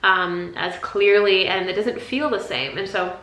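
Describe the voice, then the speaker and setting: A woman with a bright, forceful voice talks through a spiritual lesson in a loose, conversational way, often repeating herself and restarting sentences. The sound is roomy and echoey, as if recorded in a bare room. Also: medium pitch, a little slow. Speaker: intuition teacher. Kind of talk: casual spiritual teaching talk.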